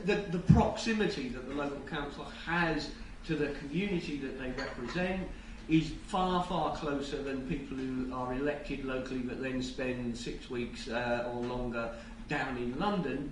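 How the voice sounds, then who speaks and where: A man giving a rushed live lightning talk with wry asides, stumbling and repeating words as he goes. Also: medium pitch. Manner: halting, with stammered word repeats. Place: indoor event room with an audience. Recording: echoey noisy room, distant mic.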